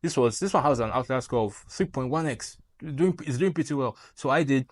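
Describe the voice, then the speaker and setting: Fairly quick and mid-range in voice, a young Nigerian-accented YouTube creator gives a casual tutorial to camera, bouncing along with animated energy and joking side comments. The recording is dry.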